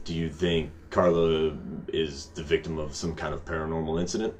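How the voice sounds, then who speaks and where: A man's voice: rumbling low, level tone, normal speed, faint music behind. A man playing a probing documentary interviewer, asking questions in a mock documentary. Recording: faint background noise, room ambience.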